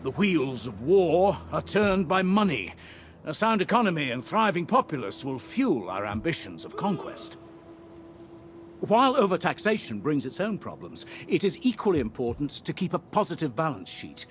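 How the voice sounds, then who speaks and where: A man's voice: fairly high pitch, big pitch swings, moderate pace. A man playing an authoritative Roman advisor in a video game, narrating in a formal, instructive, theatrical manner. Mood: grave counsel.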